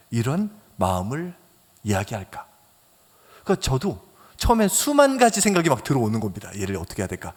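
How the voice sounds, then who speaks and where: A man pastor preaching a sermon in a lively, animated way, swinging between loud emphasis and soft near-whispers and acting out quoted phone talk as he tells a story. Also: medium pitch. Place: church sanctuary. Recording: long church reverb.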